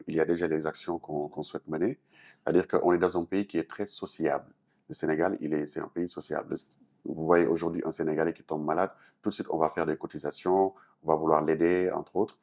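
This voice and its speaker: Rumbling low and a little mellow, this man's voice belongs to a Senegalese artist and activist appearing as a talk show guest. He explains things earnestly in French-speaking West African style, his Senegalese accent clear as he answers interview questions.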